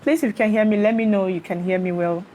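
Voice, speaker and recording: Talking fast in a mid-range voice, a Nigerian woman runs a casual phone live stream, saying hello to her viewers and asking whether they can hear her. A fan hums steadily behind her.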